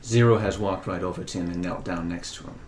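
A woman's voice: rumbling low, steady tone, fast talker, a little mellow, slight background noise. A woman player casually narrating her character's actions in a tabletop game.

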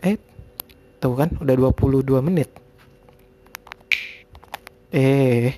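Mellow Indonesian man with lisped r sounds. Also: mid-range voice, slow pace, slight background noise. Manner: informal, rambling, hesitant word-searching. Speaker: podcast host. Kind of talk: casual solo podcast chat.

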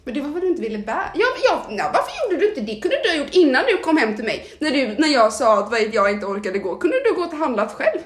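A woman's voice: high voice, very animated, few pauses, roomy sound. A young woman co-hosting a podcast, chatting casually in an upbeat, teasing way. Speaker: podcast co-host. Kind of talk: casual chat.

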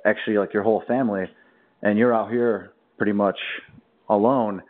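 A man's voice: on the low side, fairly even intonation, normal speed. A man hosting a podcast, interviewing a caller in a friendly, loose, chatty way. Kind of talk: casual interview. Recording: tinny phone line.

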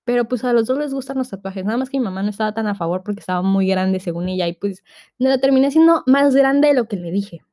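A woman's voice: medium pitch, quick pace, warm tone, no room sound, clean studio sound. A nineteen-year-old woman with a Mexican accent hosting a casual podcast, telling stories in a chatty, slangy way and acting out what people said. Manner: slangy, chatty, acts out quoted voices. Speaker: podcast host. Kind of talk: casual storytelling monologue.

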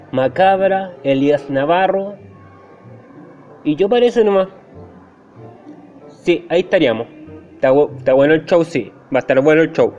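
A young Chilean man with a Chilean Spanish accent, delivering a deadpan, exaggerating comic monologue. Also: a little high, highs cut off. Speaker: stand-up comedian.

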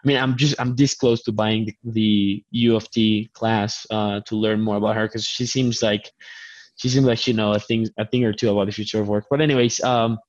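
A Colombian host with a Colombian Spanish accent leads a casual online chat over a video call that sounds dull and lo-fi. His voice is lowish and steady at a fairly quick pace, and he is chatty and self-deprecating, often stammering into restarts.

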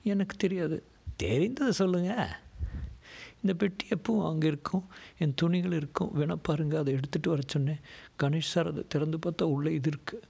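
A man's voice: moderate pace, vocal fry, dark tone, husky. A man reading a story aloud, voicing a frightened young woman who pleads tearfully. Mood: nervous. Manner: high pleading voice.

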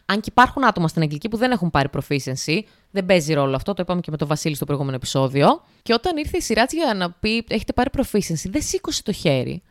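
A young woman hosts a casual solo podcast, chatting straight to her listeners and leaning on plenty of filler phrases. Her voice sits on the low side with big swings in pitch, and the studio-quality recording has no room sound.

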